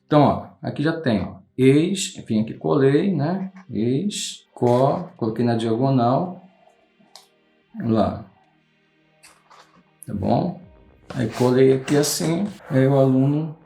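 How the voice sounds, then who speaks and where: A craft tutorial host with a Brazilian Portuguese accent explains a classroom craft game step by step, patiently checking in with listeners after nearly every phrase. His medium-pitched voice is slow, creaky and warm. The recording has a roomy echo and faint background music.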